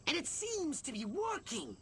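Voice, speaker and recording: An actor voicing a small, bossy alien commander in a video game, giving clipped, commanding orders in a gravelly voice. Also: male voice, very high voice, huge pitch swings, normal speed, a bit bright, slight background noise, heavily acted. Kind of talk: video game cutscene acting.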